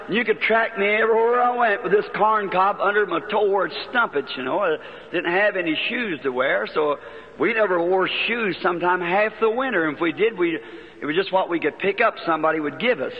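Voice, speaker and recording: A man preaching, telling a childhood story in a folksy, plain-spoken way with rural turns of phrase, on an old archival sermon recording. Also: high-pitched. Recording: dull lo-fi archival sermon recording with long hall reverb.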